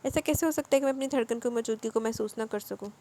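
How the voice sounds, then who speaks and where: A possessive young husband from an audio novel, affectionate and fond of teasing, read by a woman narrator. He talks quickly, with a fairly high pitch. His lines are delivered in her own everyday reading voice. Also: dark tone, natural voice.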